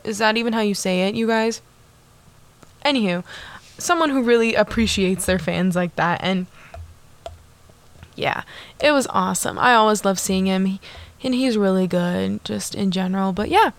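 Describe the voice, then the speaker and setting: A woman's voice: medium pitch, moderate pace, long pauses. A young woman hosting her own podcast in a bubbly, chatty way, full of "like" and asides to her listeners. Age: young adult. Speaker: podcast host. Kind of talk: casual solo podcast chat.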